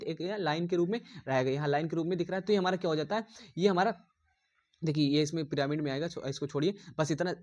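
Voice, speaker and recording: A man teaches engineering drawing in a casual online lesson. His voice sits a little high, and he circles back over the same phrases again and again. He keeps calling his viewers dear. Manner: repetitive, rambling, addresses viewers as dear.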